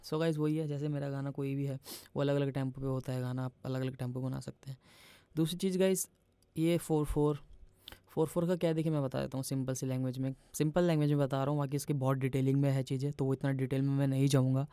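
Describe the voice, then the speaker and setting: Casual man explaining music software. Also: medium pitch, flat delivery, fast talker, clear, resonant tone, no echo. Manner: casual explanatory, addresses viewers as guys, mixes English terms into Hindi. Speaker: music production instructor. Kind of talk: screen-recorded software tutorial. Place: home music studio.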